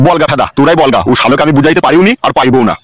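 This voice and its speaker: A man's voice: a little high, racing, slight background noise, close to an everyday voice. A man voicing a fed-up village father who rants and curses in a cartoon. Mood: ranting. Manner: ranting, cursing, exasperated. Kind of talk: cartoon voice acting.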